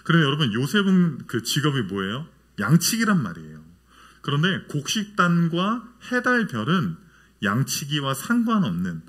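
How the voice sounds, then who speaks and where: A male pastor preaching a lively sermon in a church, his fairly high voice leaping up and down as he speaks. He keeps turning to the congregation with questions and answers them himself. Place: church sanctuary.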